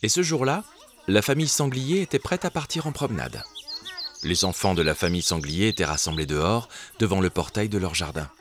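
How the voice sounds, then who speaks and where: A man's voice: low-pitched, fairly quick, noisy background. Man reading a story over birdsong. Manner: gentle, expressive storytelling. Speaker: narrator. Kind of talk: storybook narration.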